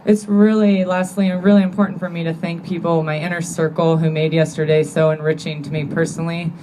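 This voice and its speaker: A woman in her thirties giving an emotional acceptance speech at a banquet, earnest and grateful, turning teary and halting at times. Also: on the low side, little pitch movement, background noise. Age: 30s. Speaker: award-winning athlete giving a thank-you speech. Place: banquet hall with an audience.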